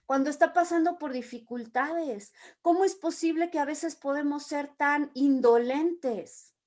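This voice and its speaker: A woman's voice: sits high, measured pace, a little mellow. A woman leading a Bible study, reading scripture aloud and explaining it with everyday examples. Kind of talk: Bible teaching.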